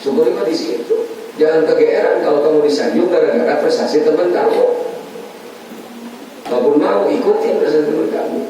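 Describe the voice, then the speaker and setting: A man's voice: a little high, fairly quick, warm tone, slight background noise. A man teaching a class on Quran commentary in a colloquial way. He asks and answers his own questions and acts out the speech of the people he describes. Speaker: religious teacher. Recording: very echoey room, distant mic, faint ambience.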